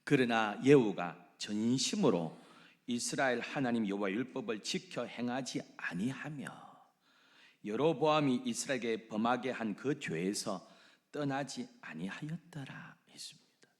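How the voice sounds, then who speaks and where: A middle-aged man preaching a sermon, swinging between loud exclamations and hushed whispers. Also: medium pitch, animated, a little slow. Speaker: pastor. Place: church sanctuary.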